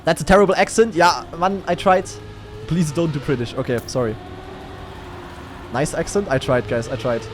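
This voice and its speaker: Brief: male esports caster, high voice, jokey, excitable. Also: normal speed, long pauses, over music. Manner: excitable, jokey, rises to shouts on big moments. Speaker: esports commentator. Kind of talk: live esports commentary.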